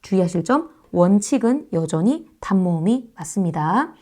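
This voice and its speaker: Female lecturer, mellow tone, patient, demonstrates sounds aloud, talks straight to students. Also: mid-range voice, big pitch swings. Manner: explains slowly, repeats sounds to demonstrate pronunciation; addresses students directly, checks understanding. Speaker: Korean grammar teacher. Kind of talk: online lecture.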